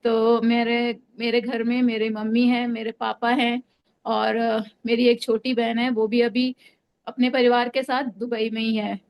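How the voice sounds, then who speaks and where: Young woman from delhi telling her faith story, smooth clear voice, pretty flat, lots of uhs and restarts. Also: a little high, a little slow, highs cut off. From Delhi, India. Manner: hesitant, many fillers and restarts. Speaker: testimony speaker. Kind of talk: personal faith testimony.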